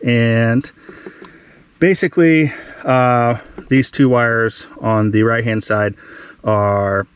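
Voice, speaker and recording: A man's voice: medium pitch, fairly even intonation, slow. Man, mid-range voice, casual DIY host thinking aloud outdoors, body-cam sound, faint background noise. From Ohio. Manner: plain conversational, thinks aloud with fillers. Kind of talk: casual how-to explanation. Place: outdoors in a wooded yard.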